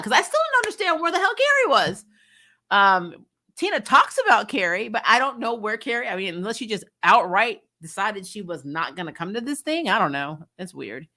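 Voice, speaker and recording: This host of a casual TV episode review show talks without a script, blunt and animated, reading viewer comments and performing small quoted asides. Her mid-range voice sounds pushed and bright.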